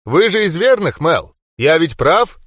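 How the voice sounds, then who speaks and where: A fervent, hoarse old rebel miller, as a male reader puts him on, pitched well above the reader's own voice. He talks eagerly, swinging up and down. The voice sounds close and dry in a storybook reading. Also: sing-song, unhurried, a bit bright, dry recording, full character voice. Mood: probing.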